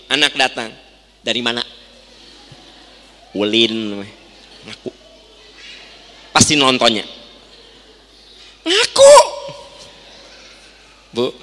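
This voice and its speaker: A man's voice: mid-range voice, slight background noise. A middle-aged man with a Sundanese accent preaching in a mosque, chatty and questioning his listeners, acting out little everyday scenes. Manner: lively, chatty, quizzes the audience, acts out little scenes. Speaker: Islamic preacher. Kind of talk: sermon. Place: mosque hall. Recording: reverberant mosque hall.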